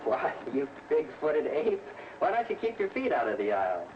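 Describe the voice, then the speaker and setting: A man's voice: on the high side, wildly swooping pitch, normal speed. A man playing a brash, wisecracking American spaceship crewman in a 1950s sci-fi serial, full of slangy talk. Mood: scrappy, mocking. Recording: dull, noisy old film soundtrack.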